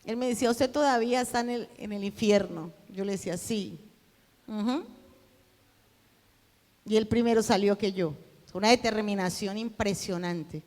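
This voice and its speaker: A woman preaching, telling a personal testimony and acting out the dialogue in it, at times rising to a shout. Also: medium pitch, moderate pace, long pauses, in a large hall. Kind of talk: sermon testimony.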